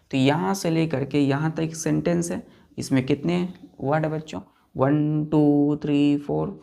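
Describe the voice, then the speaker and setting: A man's voice: fairly high pitch, gravelly, dark tone. A man teaching English vocabulary for exam prep, explaining patiently, repeating key words, spelling them out letter by letter and checking that students follow.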